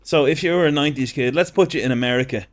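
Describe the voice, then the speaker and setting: A man in his thirties hosting a podcast, asking quick-fire questions in a jokey, casual way. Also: mid-range voice. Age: 30s. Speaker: podcast host. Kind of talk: casual interview.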